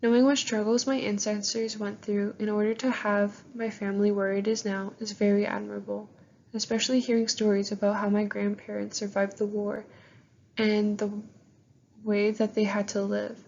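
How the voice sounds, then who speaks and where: A young Canadian woman, a student, reads her prepared class presentation aloud like a slideshow handed in for a course, using a modest recorder that dulls the sound and cuts the highs. Her medium-pitched voice is flat, creaky and a little mellow at normal speed, with slight background noise.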